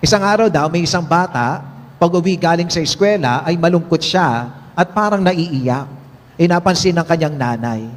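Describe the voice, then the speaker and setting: Male priest, homily, high voice, asks the congregation to repeat words, long church reverb. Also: moderate pace, noisy background. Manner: mixes English words into his talk, adds "no?" tags.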